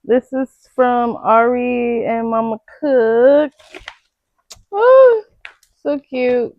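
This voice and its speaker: A young pregnant woman unboxes gifts in an easy, gushing vlog chat, full of slangy exclamations and delight. She talks slowly and unhurried. The sound is dry and close but a little dull and muffled. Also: a little high, steady tone, no echo. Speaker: vlogger.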